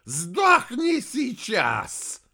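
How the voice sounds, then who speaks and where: A man's voice: very high-pitched, wildly swooping pitch, drawn-out words, pushed and bright, voice pushed up, full character voice. A man voicing a cowardly, treacherous young heir who sobs and pleads, then snarls viciously, in an audiobook. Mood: snarling. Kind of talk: audiobook character voice.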